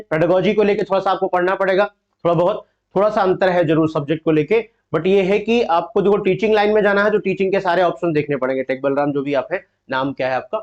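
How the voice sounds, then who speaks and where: A man's voice: high-pitched, a little mellow. A male teacher running a live online exam-prep class, quizzing students, explaining step by step and fondly calling them "beta". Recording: dull lo-fi audio.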